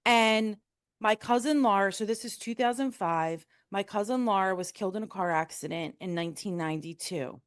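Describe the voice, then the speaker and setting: A woman in her fifties, a guest telling a personal story in a frank, casual, animated way, acting out the people she quotes. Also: medium pitch, normal speed, smooth, no room sound, clean studio sound.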